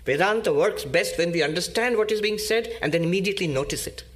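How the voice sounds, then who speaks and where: A man giving a spiritual discourse as a monk, teaching slowly and emphatically with pauses and repetition. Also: sits high.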